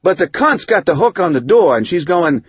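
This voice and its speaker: A man reading an audiobook, voicing a rough, hot-tempered recovering drinker who rambles in profane street slang. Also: high-pitched, very animated, fairly quick, no echo, lo-fi sound, voice pushed up, heavily acted. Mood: aggrieved. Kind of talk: audiobook narration.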